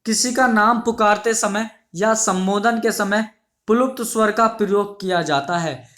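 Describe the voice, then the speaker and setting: A man's voice: high-pitched, fairly bright tone. A man teaching an exam-prep grammar lesson, asking questions and then answering them himself, repeating each definition and calling his students his dear children. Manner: repetitive, drills each definition slowly.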